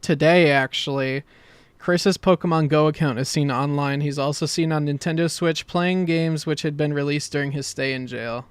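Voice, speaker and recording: Man, fairly high voice, smooth and crisp, rambling casual podcast chat, swears, bedroom desktop mic. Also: fairly even intonation, normal speed, dry recording. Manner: rambling, lots of "like" fillers and swearing. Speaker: podcast co-host. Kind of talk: casual chat over voice call. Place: his room at home. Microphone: desktop microphone on a voice call.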